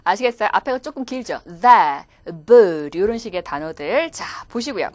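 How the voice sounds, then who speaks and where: 생동감 있게 설명하는 여성 강사. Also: female voice, mid-range voice, quick pace, dry recording. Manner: animated, demonstrates English words aloud. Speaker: English pronunciation instructor. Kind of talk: video lecture.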